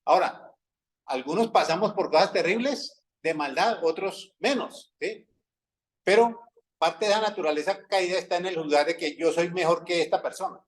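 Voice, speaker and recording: Colombian pastor with a high-set voice. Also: male voice, moderate pace, low-quality recording. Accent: Colombian Spanish. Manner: conversational preaching with frequent "¿sí?" checks; acts out quoted dialogue in everyday stories. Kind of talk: sermon.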